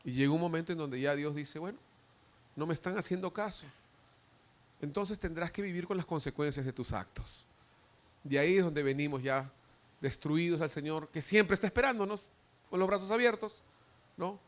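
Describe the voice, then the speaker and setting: A male pastor preaching a sermon, animated, acting out quoted voices as he goes. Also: a little high, moderate pace.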